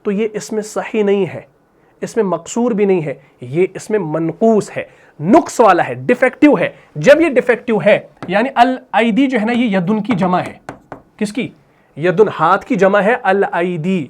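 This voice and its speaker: A male teacher explaining Arabic grammar in Urdu with a Pakistani accent. He asks questions and answers them himself, and at times recites Quran verses slowly. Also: high voice, animated. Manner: repeats questions and answers them himself, adds "bhai" and "theek hai na". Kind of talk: explaining grammar while writing on a board.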